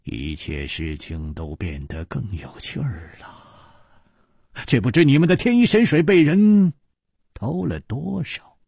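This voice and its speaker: A male storyteller playing a witty, mocking swordsman hero who teases slowly and jumps up in pitch when surprised. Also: very animated, vocal fry, a little mellow, slightly rough, no echo, studio quality, full character voice. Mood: teasing. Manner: teasing and drawn out, with sudden surprised jumps in pitch.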